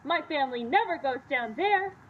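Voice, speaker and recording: A woman's voice: high voice, lively intonation, normal speed, narrow, tinny audio, slight background noise. A woman voicing an earnest, helpful young boy in a radio play. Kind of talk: old-time radio play acting.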